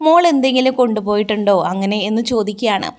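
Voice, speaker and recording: A woman's voice: medium pitch, quick pace, darkish tone. A woman narrating a TV serial episode recap in a casual spoken way, reading each character's lines with light emphasis. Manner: retells scenes in a plain running account, reading each quoted line with light emphasis.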